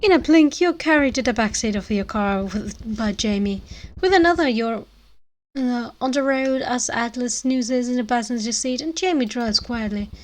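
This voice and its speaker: Higher-pitched woman narrating a dramatic story. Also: animated, moderate pace, rough recording.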